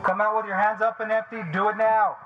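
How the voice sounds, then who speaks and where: A police officer giving commanding, repeated orders through a megaphone outdoors on a city street. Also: male voice, high voice, little pitch movement, a little fast. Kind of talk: loudspeaker callout. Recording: muffled, distant outdoor recording with traffic noise.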